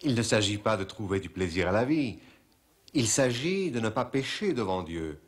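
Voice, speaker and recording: An actor playing a stern, defensive Pharisee who insists on the law in a dubbed historical drama. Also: male voice, normal speed. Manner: insistent, lively pitch. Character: stern male Pharisee, middle-aged, defensive. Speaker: interviewee.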